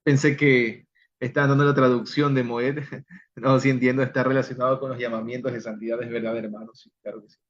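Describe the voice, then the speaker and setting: A man teaching an online Bible study, slowly and deliberately sounding out Hebrew words for his listeners. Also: mid-range voice, little pitch movement, lo-fi sound.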